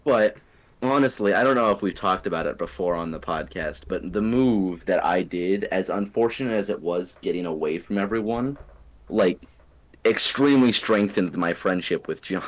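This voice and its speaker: A man's voice: low voice, normal speed. A young man co-hosting a casual podcast chat over a voice call, laid-back and laughing often. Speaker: podcast co-host.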